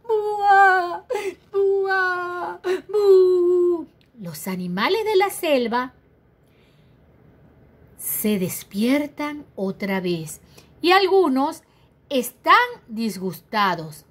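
A woman storyteller reading a children's picture book, her high voice rising and falling with plenty of expression. She takes her time, pausing to ask the little listeners questions. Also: breathy edge. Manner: lively, asks the young listeners questions.

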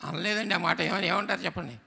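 A man's voice: high-pitched, fairly even intonation, fast, vocal fry, bright, forceful tone. A man preaching a sermon as pastor, calling on the congregation to answer back. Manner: preaching with call-and-response to the congregation. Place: church sanctuary. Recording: church hall with long reverb.

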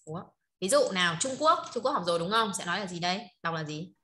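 A quick-talking woman teacher leads an online class over a video call. Her voice is bright and forward, and she keeps tossing short questions back to her students. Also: lowish voice, animated. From northern Vietnam. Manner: checks in constantly with short tag questions, laughs often. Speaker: Chinese teacher.

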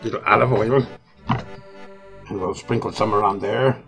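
A man's voice: lowish voice, moderate pace, fairly bright tone, rough recording. An older man chatting folksily as he cooks in a home kitchen, with a frying pan sizzling and music playing behind him. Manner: folksy, chatty, with occasional pirate jokes. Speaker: home cooking host. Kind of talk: casual cooking demonstration in pirate costume.

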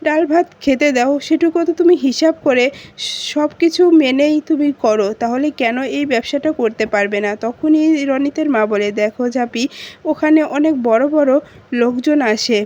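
High-voiced woman retelling a drama. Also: moderate pace, darkish tone. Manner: retells every character's lines in her own voice. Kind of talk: casual narration with quoted dialogue. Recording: dull lo-fi recording.

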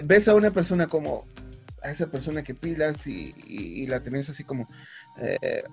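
A man's voice: fairly high pitch, gravelly, a little mellow. A young man, co-hosting a casual podcast chat, reflective and hesitant with many fillers. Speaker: podcast co-host.

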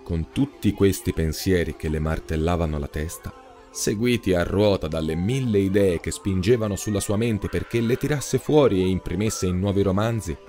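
A man narrating a short story in a scripted, expressive storytelling manner. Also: low-pitched, normal speed. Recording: soft background music.

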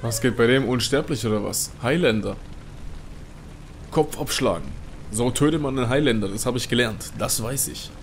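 A man's voice: mid-range voice, moderate pace. A man giving casual, slangy commentary while playing a video game, reacting as he goes. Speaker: let's player. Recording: faint game noise underneath.

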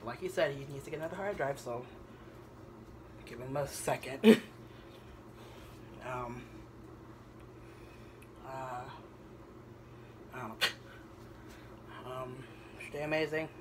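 A young man talking casually in a home kitchen vlog, rambling with many pauses and ums. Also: medium pitch, background noise. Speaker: vlogger. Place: home kitchen at night, indoors. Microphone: camera on the counter.

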